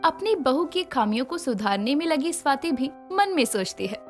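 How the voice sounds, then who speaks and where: Lively woman narrating a cartoon story. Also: high-pitched, moderate pace, faint music behind. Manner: expressive storytelling.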